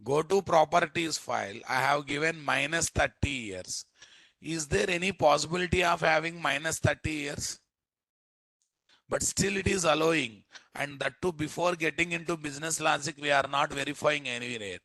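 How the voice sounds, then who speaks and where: Indian guy doing a live coding class, bit gravelly, dry close sound, keeps asking questions. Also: fairly high pitch, normal speed, sharp tone, dry recording, low-quality recording. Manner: repeatedly quizzing listeners with tag questions. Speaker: programming instructor. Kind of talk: live coding lecture to students.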